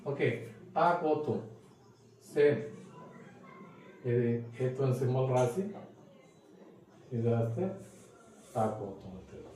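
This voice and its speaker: A man's voice: medium pitch, animated, slow pace, long pauses, dark tone. A man teaching a Tamil script lesson, explaining each step patiently and asking simple questions as he goes. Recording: echoey room, mic at a distance, faint noise.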